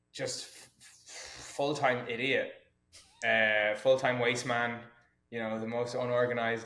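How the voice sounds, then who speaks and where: A man's voice: medium pitch, a bit bright. A man, a fitness coach chatting as a podcast guest, self-mocking, rambling, laughing often. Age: 20s. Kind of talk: casual chat. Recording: roomy echoey room.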